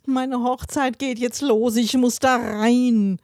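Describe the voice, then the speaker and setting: A woman voicing a hot-tempered man late for his own wedding, shouting desperately. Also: fairly high pitch, fairly even intonation, slow, no echo, clean studio sound, voice pushed up. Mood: angry shouting.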